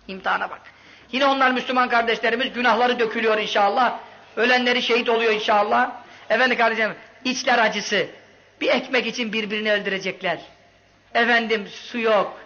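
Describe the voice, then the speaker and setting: A man preaching a sermon with impassioned storytelling, swinging from loud outbursts to hushed lines. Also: very high voice. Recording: dull lo-fi recording.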